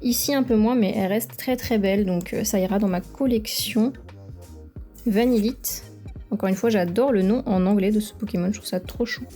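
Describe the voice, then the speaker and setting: A woman's voice: medium pitch, a little fast, few pauses, dark tone. A young woman, chatting enthusiastically as she opens trading card packs and praises each card. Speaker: card-opening video creator. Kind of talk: casual card-opening commentary. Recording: faint background music.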